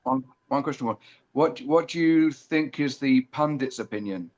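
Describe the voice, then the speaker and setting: A man's voice: medium pitch, moderate pace, a little mellow, dull audio. A man in casual football chat, teasing and prone to apologetic restarts.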